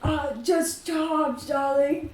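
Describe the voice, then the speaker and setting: A woman voicing a besotted, gullible old widowed gentleman with a drawn-out, sweet-talking delivery in a tabletop role-play. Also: sits high, flat delivery. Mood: eager, charmed. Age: older. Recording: echoey room, distant mic, noisy.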